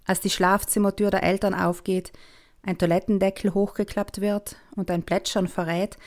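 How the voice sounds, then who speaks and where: A woman, reading aloud from her own children's book, calm and expressive, sometimes dropping to a hush. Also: mid-range voice, moderate pace. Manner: calm, expressive storyteller with soft hushed passages. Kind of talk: storybook reading.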